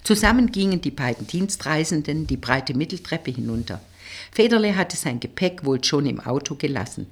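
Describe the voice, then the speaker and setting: A woman narrates a novel for a storytelling audiobook in a husky, low voice at a moderate pace. Her expressive delivery has lively rises and falls in pitch.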